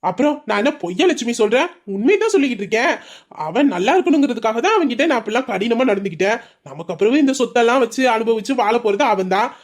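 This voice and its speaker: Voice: medium pitch, animated, quick pace. A performer voicing a stern, thrifty middle-aged father and shop owner who lectures and justifies himself to his wife. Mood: justifying. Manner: lecturing, self-justifying, persuasive. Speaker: father Sellamuthu. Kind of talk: audio drama acting.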